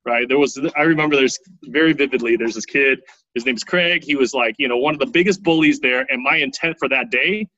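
A man's voice: medium pitch, fairly quick, sharp tone, no echo, muffled recording. A man in his thirties from Taiwan, telling his life story casually as an interview guest, often tagging his lines with "right?".

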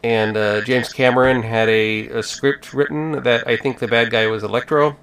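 Male podcast host, mid-pitched with vocal fry, casual and halting. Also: fairly even intonation, a bit bright, poor audio. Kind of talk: casual film discussion.

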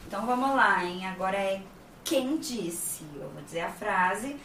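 A woman's voice: mid-range voice, animated, measured pace, a bit bright. A woman hosting a podcast interview, chatty and enthusiastic. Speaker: podcast host, voice actress. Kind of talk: casual interview chat. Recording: roomy, distant mic, background noise.

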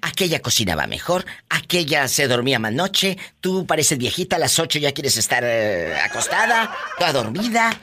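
A woman hosting a call-in radio show with a bright, sharp voice. Her pitch swings wildly as she teases callers and drops her catchphrases. A faint hiss sits under her voice. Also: big pitch swings, moderate pace, hardly any pauses. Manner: playful, dramatic, full of catchphrases. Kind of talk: lively call-in radio chat.

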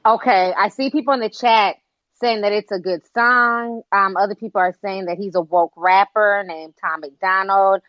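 A woman's voice: medium pitch, steady tone, moderate pace, dry recording. A woman hosting a live call-in show in a casual, polite, conversational way. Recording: slightly dull, lo-fi sound.

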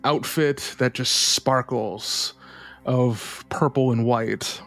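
A man narrating a tabletop game as game master, describing scenes at an unhurried pace with fillers. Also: mid-range voice, fairly even intonation, fairly bright tone, soft background music.

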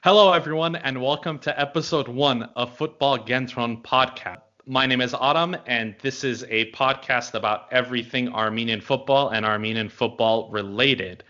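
A man from Los Angeles hosting a casual podcast, talking in a relaxed way with lots of fillers. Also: mid-range voice, moderate pace, hardly any pauses, dull audio. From Los Angeles, United States. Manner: relaxed, filler-heavy, friendly. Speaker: podcast host.

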